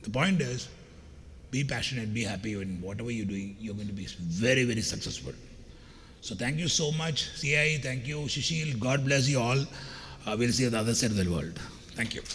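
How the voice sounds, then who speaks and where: A middle-aged Indian man delivers a motivational keynote to an audience, his scratchy, mid-range voice expressive and a bit bright at a moderate pace. He's chatty, joking and anecdotal, speaking straight to the crowd. The recording carries a long hall reverb and faint background noise.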